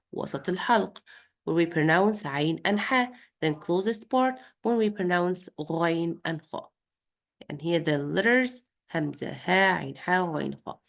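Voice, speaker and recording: Female Quran tutor, low gravelly tone, patient, slow explaining lesson. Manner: demonstrates Arabic throat sounds. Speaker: Quran recitation teacher. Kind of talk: recorded revision lesson for a student.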